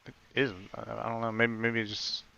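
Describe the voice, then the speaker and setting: A man rambles through loose, filler-heavy race commentary, his voice bright and edgy. It comes through muffled and hollow, as if he is talking through a tube. The sound is the dull, lo-fi pickup of a webcam mic. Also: medium pitch, little pitch movement, a little fast, clear, resonant tone. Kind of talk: casual online race commentary. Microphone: webcam mic picked up by mistake.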